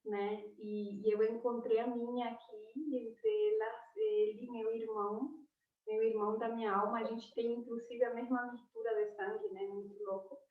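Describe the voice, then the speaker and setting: A woman's voice: a little high, flat delivery, moderate pace. Woman chatting from afar, roomy sound. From Argentina. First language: Spanish. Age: 40s. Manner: chatty and affectionate, laughs often. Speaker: teacher. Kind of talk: casual chat on a video call. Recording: roomy, distant, dull sound.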